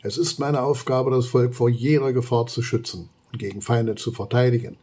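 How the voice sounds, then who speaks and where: A man reading a story, voicing an angry guard termite who speaks indignantly, in a husky voice. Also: mid-range voice, animated, unhurried, mellow, muffled recording. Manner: indignant, clipped.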